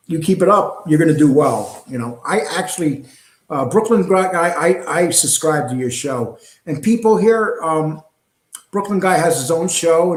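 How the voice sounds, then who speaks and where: Chatty New man in echoey room. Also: a little high. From New York. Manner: talkative, digressive, frequent ums and uhs. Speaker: host reading live chat. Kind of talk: casual live-stream chat.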